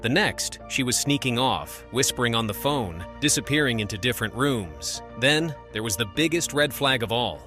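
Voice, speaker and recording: A man's voice: mid-range voice, lively intonation, moderate pace, few pauses, bright, forceful tone. Give me a dramatic male narrator over music. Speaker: narrator of a court show.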